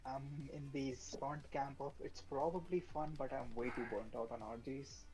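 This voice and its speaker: A man with an average voice chats in a dry, unhurried way, giving short, matter-of-fact answers. Soft music plays faintly beneath him. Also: medium pitch, steady tone, poor audio. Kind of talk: casual chat.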